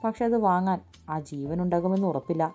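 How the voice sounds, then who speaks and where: A woman's voice: on the low side, lively intonation, brisk, mellow, soft background music, lightly acted. A woman voicing a cruel, scheming man who speaks with cold menace in a storybook reading. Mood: menacing.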